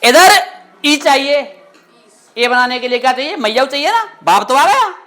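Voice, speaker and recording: A man's voice: very high-pitched, sing-song, pushed and bright. Strict guy teaching grammar, keeps asking the class questions and telling them off. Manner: stern, scolding, full of quick quiz questions to students.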